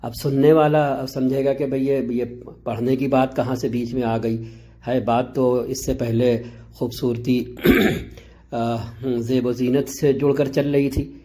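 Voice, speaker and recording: A man teaching Arabic pronunciation in a slow, measured lesson, pausing often and repeating key letters. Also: medium pitch, flat delivery, warm tone. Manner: slow and measured, with frequent drawn-out pauses and repetition; clears his throat now and then. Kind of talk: explanatory lesson.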